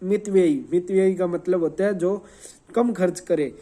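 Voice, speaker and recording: A male teacher running a quick revision lesson, repeating answers, quizzing the class and spelling words letter by letter. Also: high voice, mellow.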